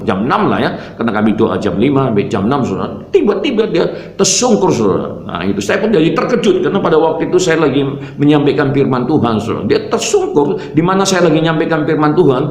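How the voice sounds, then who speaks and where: A man's voice: fairly high pitch, sing-song, quick pace, hardly any pauses, a little mellow. Earnest male pastor in an echoey room. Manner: earnest storytelling, addressing listeners as "saudara" after almost every phrase. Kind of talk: personal faith testimony. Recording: roomy echo.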